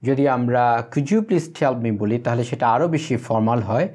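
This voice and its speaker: A man's voice: mid-range voice, a little mellow. Man teaching spoken English. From Bangladesh. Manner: repeats English phrases slowly for practice.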